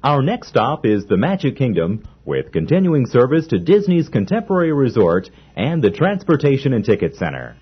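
A man giving polite, measured onboard train announcements in a formal manner. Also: medium pitch, huge pitch swings, husky. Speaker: transit announcer. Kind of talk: recorded monorail announcements. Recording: dull lo-fi old recording.

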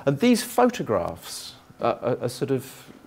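A man's voice: mid-range voice, wildly swooping pitch, a little slow, gravelly, darkish tone. Middle-aged man giving a lecture. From Liverpool, England. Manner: conversational, thinking aloud with restarts. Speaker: geography lecturer. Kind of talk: conference talk to teachers. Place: lecture theatre.

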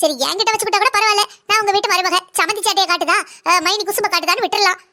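A woman as a blunt young daughter-in-law: very high, bright, rapid-fire cartoon voice, lecturing and defiant. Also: fairly even intonation. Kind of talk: cartoon drama voice acting.

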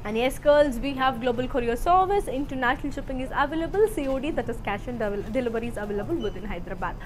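High-pitched, very fast-talking South Indian saree saleswoman. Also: lively intonation, a little hiss or hum. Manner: switches between languages mid-talk. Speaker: live saree sales host. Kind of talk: live shopping sales presentation.

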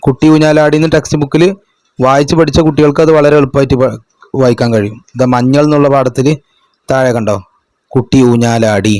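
A man explains exam answers to young students in a patient, step-by-step way, often asking a question and answering it himself. His voice sits in an ordinary middle pitch. The sound is dry and close, with little room echo. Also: steady tone, quick pace, darkish tone. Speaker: madrasa teacher.

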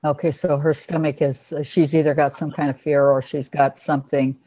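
A woman's voice: sits low, level tone, moderate pace, dark tone, dry recording. A woman teaching an online class on a video call, chatty and affectionate, calling people honey and sweetheart. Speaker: animal communicator teaching a class. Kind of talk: casual online class talk.

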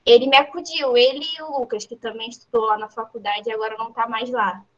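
A woman's voice: on the high side, fairly even intonation, quick pace. A woman telling a personal story in a group session, emphatic and repetitive, with many fillers. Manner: emphatic, repeats herself, fillers like "tipo assim". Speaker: workshop participant. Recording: dull lo-fi audio.

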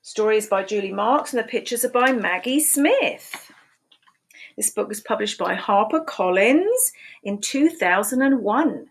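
Her voice is mid-range, expressive and unhurried: a woman in her sixties reading a picture book aloud to young children in a sing-song way. She asks the kids questions as she goes. A webcam at her desk records her in a small room at home.

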